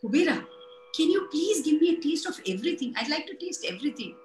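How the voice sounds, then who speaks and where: A woman's voice: sits high, sing-song, fast talker, darkish tone, roomy sound, slight background noise. A woman voicing a hungry, impatient young boy god in a told folktale, speaking in a plain, direct way.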